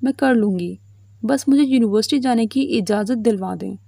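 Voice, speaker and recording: A woman's voice: a little high, vocal fry, dark tone, no room sound, clean studio sound. A woman voicing a young, stubborn daughter who pleads tearfully.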